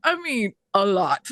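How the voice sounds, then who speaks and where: A woman's voice: on the high side, pushed and bright, no room sound, clean studio sound. A woman co-hosting a podcast, ranting in casual chat, swearing freely and mocking other people's words in quoted voices. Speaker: podcast co-host.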